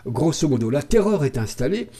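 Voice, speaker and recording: A man from France giving sarcastic, lively political commentary to camera, with frequent hesitant fillers. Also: fairly high pitch, brisk. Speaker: video commentator.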